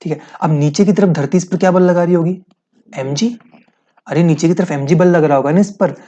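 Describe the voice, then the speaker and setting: A man's voice: a little high, a little fast, mellow, highs cut off. A man teaching a physics lesson, explaining step by step, asking his students questions and repeating key points.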